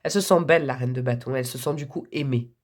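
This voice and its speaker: A hoarse woman giving a casual, enthusiastic tarot reading to her viewers, chatty and quick to laugh. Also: very deep voice. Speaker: tarot reader.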